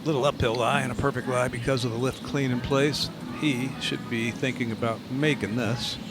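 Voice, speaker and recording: A man's voice: medium pitch, steady tone, moderate pace. A man giving analytical on-course golf commentary outdoors. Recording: noisy outdoor broadcast feed.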